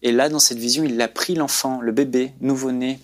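A man's voice: mid-range voice, fairly even intonation, a little fast. Male guest, earnest preacherly storyteller, faith testimony.

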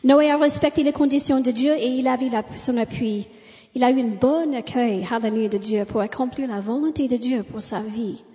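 A woman's voice: a little high, moderate pace, mellow. A woman preacher with an American accent in French, a native English speaker, delivering a sermon punctuated with amens and hallelujahs. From United States. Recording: long hall reverb.

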